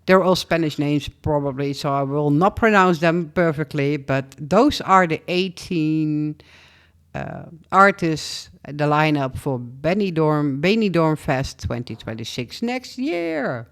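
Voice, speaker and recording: Woman vlogger, casual news reader, unhurried and melodic, stumbles over names. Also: deep voice, lively intonation. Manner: reads long name lists, stumbles over names and comments on them. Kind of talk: casual news roundup read aloud.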